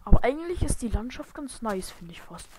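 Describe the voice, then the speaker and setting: A woman giving casual gameplay commentary on a desk microphone, muttering and whispering asides to herself, now and then bursting into loud startled shouts. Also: a little high, big pitch swings, a little fast. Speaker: let's play gamer. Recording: noisy home mic with hiss and clicks.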